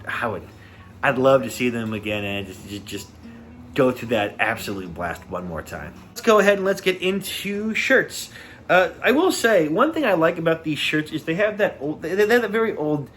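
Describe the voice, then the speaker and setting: A man's voice: fairly high pitch, a bit bright, a little hiss or hum. A man giving a casual, enthusiastic concert review, gushing and repeating words as he talks.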